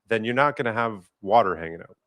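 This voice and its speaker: Easygoing low-voiced male host. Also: fast. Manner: relaxed, easygoing, laughs often. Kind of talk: casual live-stream chat.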